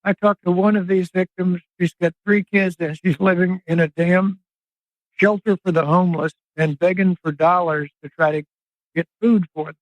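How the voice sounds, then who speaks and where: Emphatic older man, high and earnest. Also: fairly even intonation, dry recording. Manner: earnest, emphatic, drawn-out phrasing. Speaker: investigative reporter, guest. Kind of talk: impassioned interview monologue. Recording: dry, slightly dull podcast audio.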